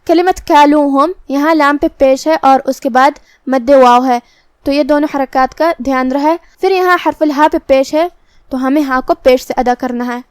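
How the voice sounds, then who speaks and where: A woman gives a step-by-step tajweed lesson, explaining how each letter is pronounced in a measured, careful way. Her voice sits high and is recorded dry and close. She stretches out the words slowly when she demonstrates the recitation. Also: dry recording. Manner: slow, careful, instructive explanations with drawn-out recited examples. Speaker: Quran recitation teacher.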